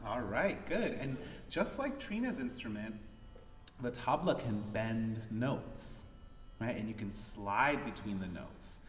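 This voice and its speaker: Male music teacher, animated delivery, roomy hall sound with instruments playing behind. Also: medium pitch, slow. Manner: lively, speaks drum syllables aloud. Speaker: tabla player teaching children. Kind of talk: classroom music demonstration. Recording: echoey hall, mic far off. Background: live instrument music.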